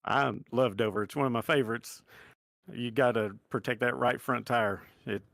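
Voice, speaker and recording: A man's voice: mid-range voice, steady tone, moderate pace, gravelly, a bit bright, dry recording, studio quality. A man chatting casually as a racing driver in a pre-race interview.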